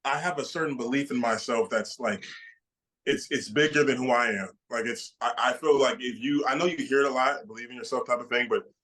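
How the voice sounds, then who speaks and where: A man in his late twenties, a bodybuilder guest, answering interview questions in an excited way with many repeated starts. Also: medium pitch, brisk, rough recording. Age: 20s.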